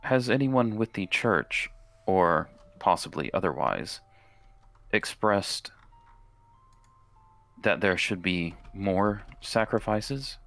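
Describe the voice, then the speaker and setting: A man speaks in character at a tabletop game with formal, measured phrasing. The voice is lowish and creaky and the pace slow. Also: expressive, a bit bright, soft background music. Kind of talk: in-character tabletop role-play.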